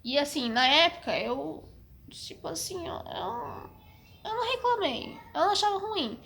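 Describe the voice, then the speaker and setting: Young woman, Brazilian Portuguese accent, slightly high voice, halting casual vlog talk, a little coughy. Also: animated, gravelly, a bit bright. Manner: hesitant, repeats and restarts often, frank. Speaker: vlogger. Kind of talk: casual personal storytelling to camera.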